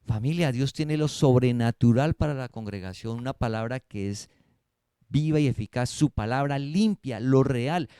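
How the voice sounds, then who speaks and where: Smooth and mid-range, a pastor's voice moves at a moderate pace through a sermon for an online-streamed church service. He alternates loud and soft passages, asking the congregation questions only to answer them himself, all in a clean, dry studio recording.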